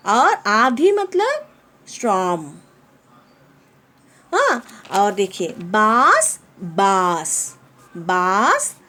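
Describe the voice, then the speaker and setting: A woman teaching a lesson to children, repeating each word slowly, explaining it in English and often asking if they understand. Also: mid-range voice, fairly bright tone. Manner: slow, repeating words and explaining them in English.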